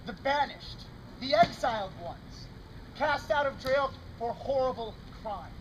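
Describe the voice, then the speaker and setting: A man's voice: very high-pitched, expressive, measured pace. A man playing an earnest, righteous bard envoy in formal, declamatory Renaissance faire speech. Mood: accusing. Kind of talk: Renaissance faire stage drama, olde speech. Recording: noisy outdoor live recording.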